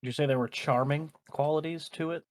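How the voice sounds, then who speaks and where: A man playing a tabletop role-playing game, chatting casually and haltingly as he thinks through his character's moves aloud. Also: a little high, steady tone, no room sound, clean studio sound.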